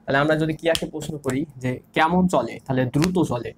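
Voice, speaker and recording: A man's voice: a little high, brisk, noisy background. A young man teaching an online grammar lesson, repeating key terms and asking and answering his own questions. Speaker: grammar instructor.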